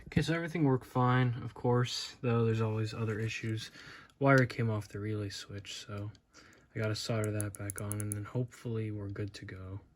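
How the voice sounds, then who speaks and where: A man's voice: on the low side, fairly even intonation, normal speed, slight background noise. An American man talking casually and matter-of-factly through a hands-on repair, filming himself as he works. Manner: matter-of-fact, unscripted. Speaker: hobbyist repairing a Halloween animatronic.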